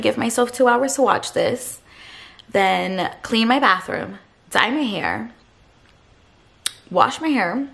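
A woman's voice: mid-range voice, creaky, a bit bright. A tired young woman chatting casually to her vlog camera from her couch at home, full of "like" and "you guys". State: tired after a night shift. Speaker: vlogger. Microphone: handheld vlog camera.

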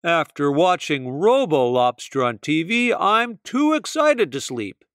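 A man's voice: on the high side, big pitch swings, unhurried, fairly bright tone, no echo, studio quality, full character voice. A man voicing a boisterous young male bear in a storybook, blunt and boastful.

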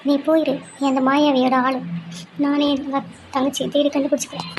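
A woman's voice: high voice, level tone, fairly quick, natural voice. A woman voicing a brave young woman who defiantly refuses help while searching for her sister, in a noisy recording. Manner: defiant, sharp.

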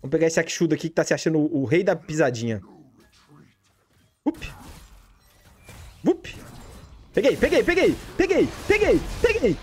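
Hyped Brazilian gaming streamer, wildly swooping voice. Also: male voice, a little high, huge pitch swings, moderate pace, pauses often. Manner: hyped, jokey, shouts and repeats callouts. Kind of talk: excited gameplay commentary.

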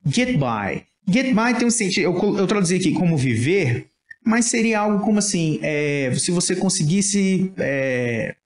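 A man's voice: sits high, big pitch swings, a little slow. A man with a Brazilian Portuguese accent, teaching English in a casual lesson and patiently checking that listeners follow. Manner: explains patiently, checks understanding often with "tá?". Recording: roomy echo.

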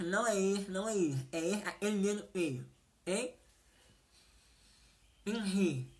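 A woman's voice: medium pitch, a bit bright. A woman teaching sign language vocabulary, saying each word and repeating it, often checking whether the class has understood.

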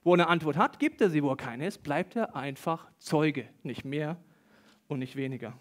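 A man preaching a lively sermon to a congregation, reading Bible passages and acting out the quoted voices. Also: on the high side, moderate pace. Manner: animated, acts out quoted voices, talks directly to the congregation. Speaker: pastor. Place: church service hall with an audience. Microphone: stage microphone.

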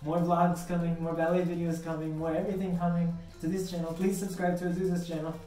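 A man's voice: a little high, level tone, fast, warm tone. Young male vlogger, casual talk, off-mic in a reverberant bathroom. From United States. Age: young adult. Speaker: vlogger, quiz contestant. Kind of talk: casual chat. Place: small bathroom, sitting in tub. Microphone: camera a few steps away. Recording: echoey bathroom, distant microphone, music behind.

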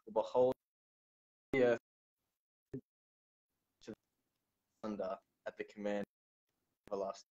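A man reading scripture and sharing a devotional message from a chapel over a video call, his unstable internet stream breaking up and his speech halting with fillers and restarts. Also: fairly low pitch, steady tone, a little mellow, highs cut off. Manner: hesitant, many fillers and restarts. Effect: choppy, breaking-up internet stream audio.

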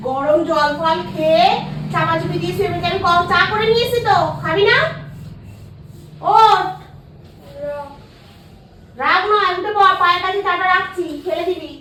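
A woman talking softly and coaxingly at home. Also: very high voice, moderate pace, pauses often, rough recording.

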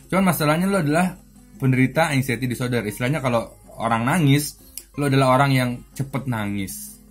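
Husky, chatty man. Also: mid-range voice. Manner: chatty slang-heavy Jakarta talk, acts out little scenes. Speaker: self-help video host. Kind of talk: casual video monologue.

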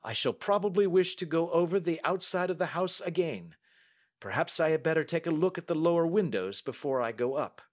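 A man voicing a brisk, astute Victorian gentleman detective with crisp, courteous questioning, in audiobook style. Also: a little high, lively intonation, pitched above the performer's own voice. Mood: assured, brisk. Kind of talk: audiobook character acting.

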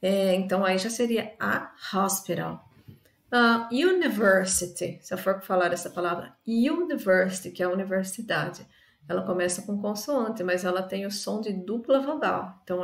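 A woman's voice: medium pitch, vocal fry, echoey room. A woman teacher explaining grammar step by step, checking in with "tá?" as she goes. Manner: explains step by step, often adds "tá?". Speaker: English teacher. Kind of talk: recorded remote lesson.

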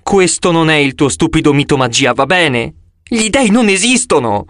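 Audiobook: male reader doing a jumpy, defensive girl of twelve, raised pitch, dry read. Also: lively intonation, moderate pace, fairly bright tone, no room sound. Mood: upset.

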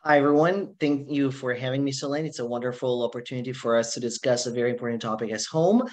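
A man's voice: mid-range voice, quick pace. A man in his thirties from Macedonia, a professor speaking as a guest. He explains things earnestly over a laptop webcam on a video call from home. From North Macedonia. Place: living room at home.

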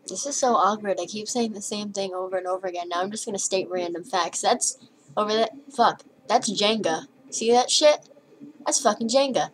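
A woman's voice: fairly high pitch, a little hiss or hum, poor audio. A teenage girl recording a casual video message to a crush, giggly and nervous, rambling and swearing a lot. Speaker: vlogger. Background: faint music playing.

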